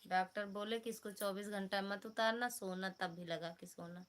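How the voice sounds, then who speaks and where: A woman's voice: mid-range voice, steady tone, moderate pace. A woman with an Awadhi accent chatting casually on a live stream from her phone at home, teasing viewers by name while she is feverish. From Uttar Pradesh, India. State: feverish, has a headache.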